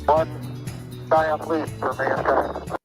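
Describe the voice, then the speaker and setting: A man's voice: a little high, flat delivery. Man's clipped callouts over crackly space radio. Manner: clipped, procedural, slow and measured. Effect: crackly space radio transmission with beeps. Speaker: astronaut on mission radio. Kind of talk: terse mission radio callouts. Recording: archival space radio audio with music underneath.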